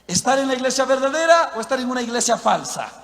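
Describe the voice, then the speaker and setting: A man preaching a sermon, emphatic, asking the crowd questions and swinging between shouts and hushed talk. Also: very high-pitched, expressive, fast talker, gravelly, long reverb tail. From southern Mexico near the Guatemala border.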